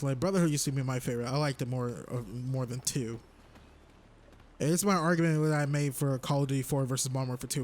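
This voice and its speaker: A man from Texas giving rambling, casual let's-play commentary with sudden excited outbursts. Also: mid-range voice. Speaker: gameplay commentator.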